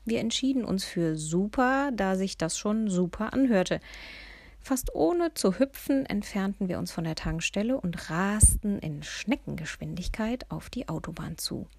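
A woman reading a humorous first-person story aloud, lively, often dropping into hushed whispers. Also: medium pitch, a little slow, no echo. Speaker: audiobook narrator.

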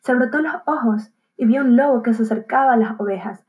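A woman narrating a fable as a gentle, calm bedtime story. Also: on the high side, brisk, rough recording.

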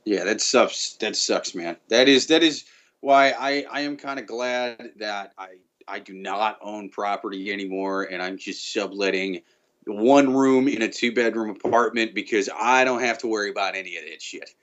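A man's voice: fairly low pitch, moderate pace, a bit bright. A man chatting casually as a podcast co-host, blunt and freely swearing. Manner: profane, blunt. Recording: slightly dull, lo-fi audio.

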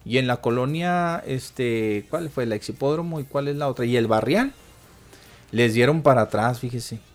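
A man's voice: medium pitch, normal speed. A man with a northern Mexican border accent talks casually as a radio call-in host, explaining things in colloquial words and often checking for agreement.

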